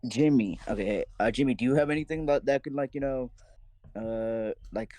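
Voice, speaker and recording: A man's voice: medium pitch, brisk, mellow. A man playing a tabletop game, eagerly proposing plans and asking the others questions. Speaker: player. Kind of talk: casual tabletop play.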